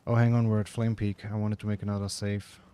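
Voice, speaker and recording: A man's voice: lowish voice, little pitch movement, quick pace, mellow, smooth. A man with a German accent giving casual, chatty commentary while gaming, saying "like" often and swearing freely. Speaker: streamer.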